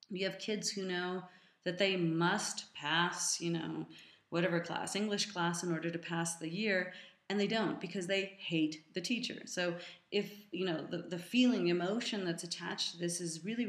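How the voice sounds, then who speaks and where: A woman's voice: lowish voice, vocal fry, roomy sound. A middle-aged woman giving an educational talk to an audience, conversational with many fillers and asides. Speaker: lecturer.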